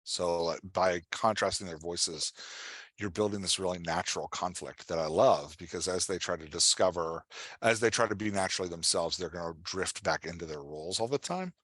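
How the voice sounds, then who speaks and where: A male writing coach teaches live online, answering audience questions in a conversational, encouraging way and repeating phrases for emphasis. His voice sits low and is a bit bright, at a normal speed. The recording is studio quality with no room sound.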